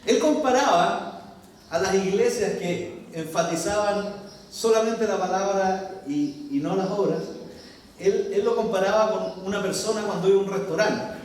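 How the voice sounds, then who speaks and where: A man preaches a sermon with a high-pitched voice, reading scripture aloud and asking the congregation questions. He is recorded from far off in a church hall with strong echo and a long reverb tail. There is a faint hiss underneath. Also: a little slow, darkish tone. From Chile. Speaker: pastor.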